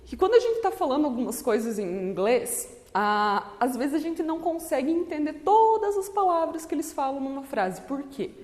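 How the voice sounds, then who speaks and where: Woman teacher, slightly high, lively delivery, reverberant recording. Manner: switches between English and Portuguese, checks in with "okay?". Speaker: English teacher. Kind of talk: classroom lesson explanation. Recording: long reverb.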